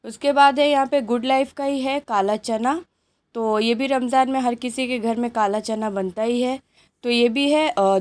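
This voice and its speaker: Woman host, slightly higher voice, relaxed home vlog delivery listing items one by one. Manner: chatty, unhurried listing of items. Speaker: cooking channel host. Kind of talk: grocery haul show-and-tell. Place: indoors at home, items on a patterned rug.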